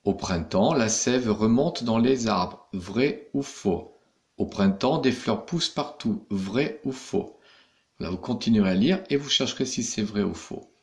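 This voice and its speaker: A man's voice: lowish voice, animated, a little slow. A man teaching young pupils in a recorded lesson, patiently explaining each step. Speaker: primary school teacher.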